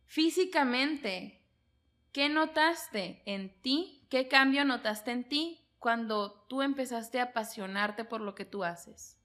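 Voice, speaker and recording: A woman's voice: on the high side, slow pace. A woman, hosting a casual interview and telling stories with frequent laughter. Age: 20s. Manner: laughs often, animated storytelling. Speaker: host.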